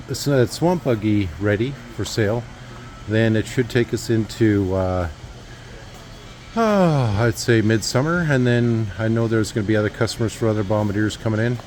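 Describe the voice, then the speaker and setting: A man's voice: medium pitch, slight background noise. A man giving a casual walkthrough of a repair shop, rambling with lots of uhs and restarts. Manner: rambling, filler-heavy, with restarts. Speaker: vlogger giving a shop update.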